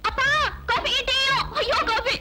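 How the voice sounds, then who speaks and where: An actress playing a lively, playful young village woman who is a college student, in Tamil film dialogue. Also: very high-pitched. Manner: playful, teasing, quick to exclaim. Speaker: film character. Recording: film soundtrack with music underneath.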